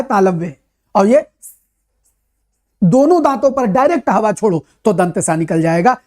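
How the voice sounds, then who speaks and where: A man teaching a Hindi grammar lesson for exam students, chatty, calling his students brother and slowly repeating sounds to demonstrate them. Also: very high-pitched, darkish tone. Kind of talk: classroom lesson for competitive exams.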